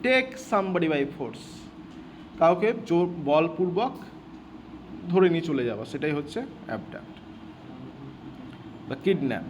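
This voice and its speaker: A man's voice: on the high side, animated, measured pace, pauses often, noisy background. A man teaching vocabulary, repeating words and answering his own questions. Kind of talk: vocabulary lesson explained in Bengali.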